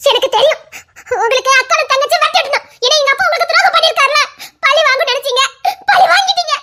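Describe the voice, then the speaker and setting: A woman playing a shrill, tearful young wife. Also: fast, bright, forceful tone, a little hiss or hum. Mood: despairing. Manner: shrill, accusing, near tears. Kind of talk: audio drama acting.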